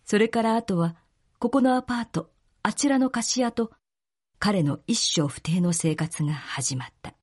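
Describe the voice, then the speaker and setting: A woman narrating a literary story in a calm, measured reading. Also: medium pitch, husky.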